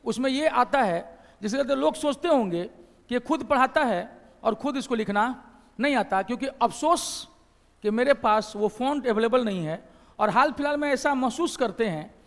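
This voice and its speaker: High-voiced Bihari teacher in an echoing hall. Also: male voice, lively intonation, moderate pace. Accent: Bihari Hindi. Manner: explanatory, repeats phrases and asks questions to the class. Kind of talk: classroom lecture.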